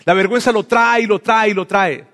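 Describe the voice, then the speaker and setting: Pastor preaching, high voice, lively, acts out the lines, echoey church hall. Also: male voice, a little fast. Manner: animated preaching, acts out voices, swings from loud to hushed. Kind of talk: sermon. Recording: long reverb of a hall.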